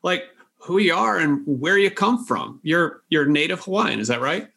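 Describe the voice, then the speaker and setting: A man's voice: fairly high pitch, expressive, moderate pace, creaky, sharp tone. A man hosting a podcast, steering his guest with friendly questions. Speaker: podcast host. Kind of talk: interviewing.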